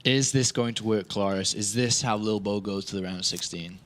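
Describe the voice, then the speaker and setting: A man's voice: lowish voice, a little fast, a bit bright. A man giving play-by-play commentary on a strategy game match, chatty and joking with his co-caster. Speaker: esports caster.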